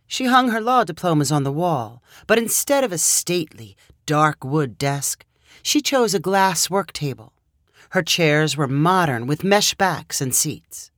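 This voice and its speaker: Lively storyteller narrating a short story. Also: mid-range voice, no room sound, clean studio sound. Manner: measured, expressive storytelling.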